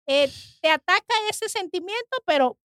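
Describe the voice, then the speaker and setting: Woman, high-pitched, earnest, halting, testimony, dry sound. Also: lively intonation, a bit bright, no room sound. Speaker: guest sharing testimony. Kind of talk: emotional personal testimony.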